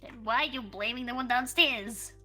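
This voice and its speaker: A woman's voice: a little high, normal speed, pushed and bright, soft background music. A woman voicing a defensive young female character in a casual voice-acted roleplay, skeptical and full of questions.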